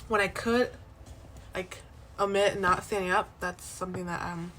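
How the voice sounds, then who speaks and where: A young woman vlogging at home in a casual, rambling way, full of fillers and restarts, her voice still raspy from the morning. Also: on the low side, fairly even intonation, moderate pace, a bit bright, a little hiss or hum, rough recording. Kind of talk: casual vlog chat. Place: at home, indoors.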